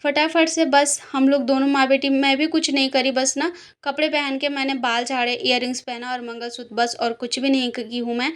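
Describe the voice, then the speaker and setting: A young woman, a mother, telling her vlog story in a chatty, rambling voice-over full of fillers, tired from a headache. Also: high-pitched. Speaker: vlogger, mother. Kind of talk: casual voice-over narration.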